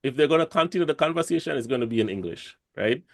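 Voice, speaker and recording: A man's voice: mid-range voice, lively intonation, fast talker, vocal fry, no room sound, studio quality. A Jamaican man talking casually on a podcast, rambling with many fillers and restarts. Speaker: podcast host.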